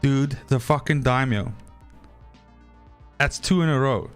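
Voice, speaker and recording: Slow and mid-range, a man's voice carries over soft background music as he streams a game. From South Africa and speaking Afrikaans, he rambles to his chat and swears freely throughout the live session.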